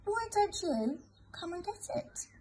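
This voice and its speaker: A sly, hungry storybook wolf, put on by a woman reading aloud, sweet-talking in a slow, sing-song voice that swoops up and down. The coaxing is drawn out and theatrical, with faint hiss behind. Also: extremely high pitch, sing-song, warm tone, pitched above the performer's own voice, full character voice.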